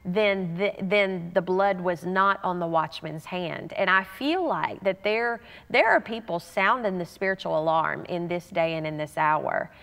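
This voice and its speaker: A woman pastor preaching in an earnest, emphatic, conversational way, her voice a little low for a woman. She often restarts her phrases as she presses a point, and a long reverb trails behind her words. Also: measured pace, creaky, hardly any pauses, fairly bright tone. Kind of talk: conversational sermon.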